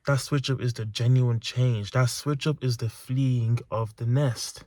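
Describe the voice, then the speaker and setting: The audio is studio quality with no echo, though it was recorded in a car parked at night. A young self-improvement vlogger with a mid-range, mellow voice and fairly even intonation speaks unhurriedly. His reflective motivational monologue is earnest and emphatic, with key phrases repeated.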